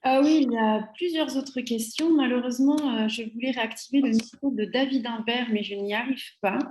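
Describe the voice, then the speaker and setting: A woman's voice: fairly high pitch, a little fast, a little mellow. A woman informally moderating the questions in a webinar. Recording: echoey, noisy online call.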